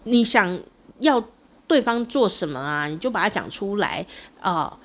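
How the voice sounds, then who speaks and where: A middle-aged woman with a Taiwanese Mandarin accent chats casually to her audience, telling a personal story. Her voice swings from high and lively to low and quiet as she plays with the telling. She keeps adding a drawn-out "oh" at the end of her phrases. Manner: animated, ends phrases with drawn-out "oh" tags. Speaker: vlogger.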